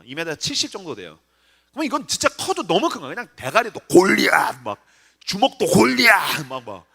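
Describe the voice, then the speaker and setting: 40s guy pastor doing a jokey youth sermon, high bright voice, asks the kids stuff a lot. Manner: casual, joking, asks the crowd questions. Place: church sanctuary.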